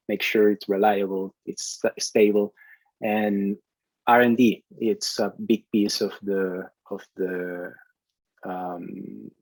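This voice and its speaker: A man from Venezuela in his thirties, a CTO answering interview questions in a halting way, full of restarts and fillers. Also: lowish voice, darkish tone, no echo, poor audio. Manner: hesitant, many restarts and fillers. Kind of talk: conversational interview.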